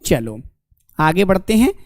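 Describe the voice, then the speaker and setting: A man's voice: sits high, big pitch swings, measured pace, darkish tone, no room sound. Guy teaching an online exam prep class, keeps asking questions then answering them himself, dry close sound. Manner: calls students "my dear companions", asks and answers own questions.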